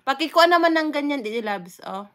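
A woman's voice: sits high, animated, brisk, a bit bright. A Filipino woman from the Philippines chatting casually on a live stream, greeting viewers one by one with frequent fillers and laughs.

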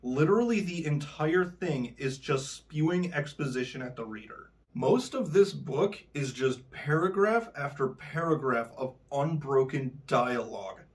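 A man's voice: on the high side, lively intonation, unhurried, few pauses. Sarcastic man reviewing books, mic at a distance. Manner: sarcastic, swears when frustrated. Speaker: book reviewer. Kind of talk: scripted review narration.

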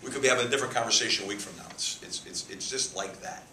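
Rapid-fire, bright, and forceful, his lowish voice comes through clearly. This man in his fifties is a head football coach at a press conference, emphatic, repeating words as he gestures. The setting is a press room with a sponsor backdrop; a table mic cluster catches the echoey sound and faint hiss.

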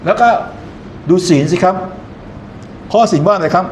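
A man's voice: sits high, normal speed, a little hiss or hum. A man lecturing in an explanatory way, often posing questions to his listeners and then answering them himself. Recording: echoey room, faint ambience.

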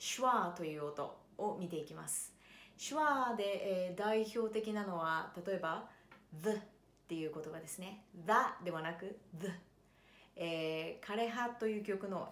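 A woman introducing her jazz vocal pronunciation lessons in a calm, explanatory way, often pausing with fillers and slowing down to model English words. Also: lowish voice, roomy sound.

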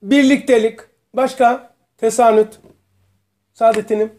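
A man teaching a religious study group, explaining terms slowly and asking his students questions. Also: very high voice, steady tone, darkish tone. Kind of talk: religious lesson to a small group.

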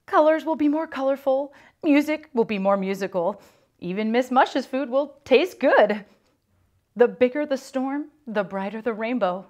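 A patient, hopeful teacher from a children's storybook, voiced by a woman reading aloud. She speaks calmly and encouragingly, lifting her voice when she talks of better days. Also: high voice, unhurried, voice pushed up.

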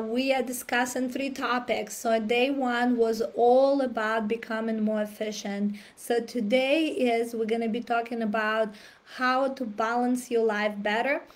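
Woman, hoarse, slightly high voice, slow, throat clearing. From Russia. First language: Russian. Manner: frequent throat clearing and fillers. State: raspy voice from a cold. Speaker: challenge host. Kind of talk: live-stream coaching talk.

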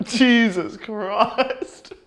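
A man's voice: high-pitched, drawn-out words, a bit bright, a little hiss or hum. A young man tripping on drugs, rambling, giggly and sweary in casual vlog chat. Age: young adult. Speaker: vlogger attempting a painting tutorial.

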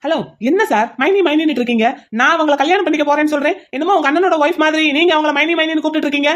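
A woman voicing a loud, indignant young man who is the fiancé in a cartoon. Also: fairly high pitch, racing, close to an everyday voice.

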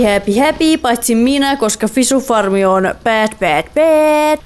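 A young woman giving playful, chatty let's-play commentary, repeating words and mixing in English phrases. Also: on the high side. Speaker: gaming YouTuber.

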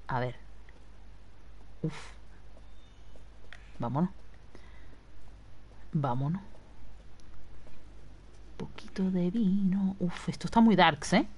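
Foul-mouthed animated woman streamer. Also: fairly low pitch, drawn-out words, pauses often, a little hiss or hum. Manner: swears a lot, shouts at enemies. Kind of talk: live gameplay commentary.

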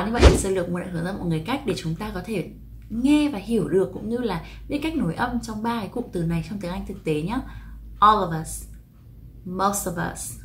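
A woman teaching English pronunciation in a video lesson, explaining patiently and slowly repeating each example. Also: medium pitch, slight background noise.

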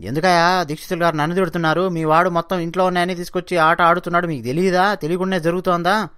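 A man's voice: high-pitched, flat delivery, very fast, a bit bright, clear, resonant tone. A man voicing a brash male gambler who answers back boldly in a told story. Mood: defiant. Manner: bold, retorting, defensive.

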